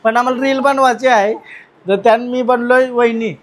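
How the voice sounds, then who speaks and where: A young man vlogging casually with his family, lively and teasing as he calls out to the people around him. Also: very high-pitched, normal speed. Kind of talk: casual family vlog chat.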